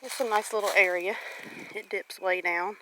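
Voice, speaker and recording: A Southern US homestead vlogger in her forties, holding a camera or phone, talks casually and unhurriedly while walking her rural property. Her medium-pitched voice sounds pushed and bright, at normal speed with fairly even intonation, and the outdoor recording is noisy with clicks.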